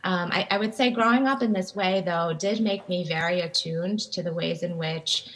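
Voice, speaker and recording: This woman's voice is fairly low and a bit bright, at a moderate pace, on a rough recording. She's a Taiwanese guest lecturer in her forties giving a casual talk by webcam from a bookshelf-lined home room, with frequent ums and restarts.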